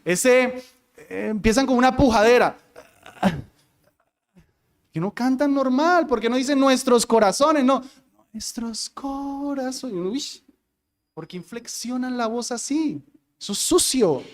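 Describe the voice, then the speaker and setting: A man's voice: very high-pitched, expressive, measured pace. A male pastor teaching a sermon to his congregation, addressing them directly and acting out tones of voice as examples. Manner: demonstrates voice inflections, talks with the congregation.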